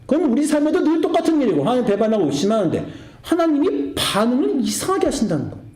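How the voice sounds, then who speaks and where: A man in his forties preaching a sermon as pastor, animated and acting out family quarrels in quoted voices. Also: extremely high pitch, fast talker, echoey room.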